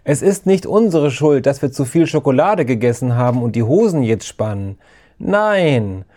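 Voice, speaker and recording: Ein Mann, der beim Vorlesen einer Geschichte einen theatralischen, donnernden Scheinpriester spricht, pathetisch und anklagend. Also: male voice, medium pitch, animated, moderate pace, mellow, lightly acted. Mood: mock solemn. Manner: thundering, pompous, accusing. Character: theatrical booming mock priest, male carnival official. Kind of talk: storybook reading.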